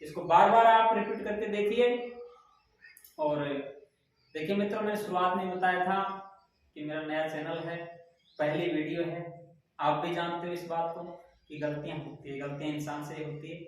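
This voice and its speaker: Male teacher, higher-pitched, quizzing his class and answering his own questions; mic set back in a very echoey room. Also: fairly even intonation, moderate pace, long pauses, distant mic. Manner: repeats questions to students and answers them. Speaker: English teacher. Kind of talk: Hindi-language grammar lesson.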